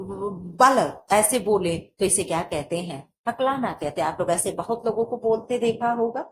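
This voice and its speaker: A woman teacher runs through exam-prep material, asking herself quick rhetorical questions and answering them. Her voice sits at an ordinary pitch. A clear layer of noise runs under the recording. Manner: explains and quizzes herself with repeated rhetorical questions.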